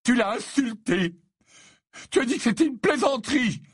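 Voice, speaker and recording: Guy putting on a lovesick teen wizard boy, way higher, breathless, a bit husky. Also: slow, darkish tone, no echo, clean studio sound, heavily acted. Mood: outraged. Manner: breathless, gushing, high-strung.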